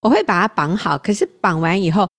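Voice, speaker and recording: Earnest woman radio host, low voice. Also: very animated, fast talker, no room sound, studio quality. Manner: earnest, reflective, self-deprecating. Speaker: radio talk show host.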